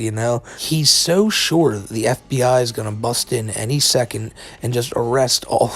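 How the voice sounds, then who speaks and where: Sardonic man doing casual commentary. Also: mid-range voice. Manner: sardonic, incredulous. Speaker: commentary video narrator. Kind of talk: casual, informal commentary on internet drama.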